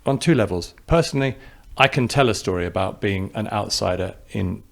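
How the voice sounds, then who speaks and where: This New Zealand-born director, who has an English accent, thinks out loud through interview answers in a reflective manner, restarting sentences along the way. His voice is lowish and gravelly, and he speaks briskly.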